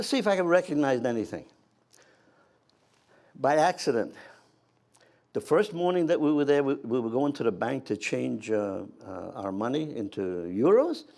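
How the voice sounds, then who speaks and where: Old american guy, war vet remembering stuff, highish voice, really swoopy and animated telling. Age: 80s or older. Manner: halting restarts, acts out dialogue. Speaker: war veteran storyteller.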